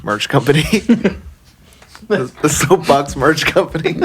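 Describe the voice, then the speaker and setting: A man's voice: on the high side, animated, takes it slowly. A man hosting a casual podcast interview, asking curious follow-up questions. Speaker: podcast host.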